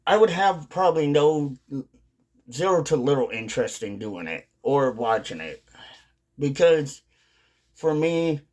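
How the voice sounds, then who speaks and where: This video creator runs a dipping tobacco channel and talks off the cuff in a loose vlog monologue, wandering and restating his points again and again. His voice sits on the high side with a sing-song lilt, a slightly slow pace, and frequent pauses.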